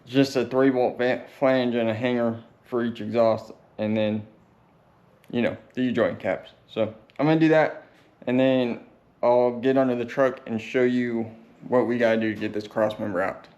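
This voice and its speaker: Male DIY truck vlogger, plain-spoken and easygoing, average pitch, off-the-cuff delivery. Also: fairly even intonation, normal speed, a little mellow, dull audio. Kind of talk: casual, unscripted vlog talk.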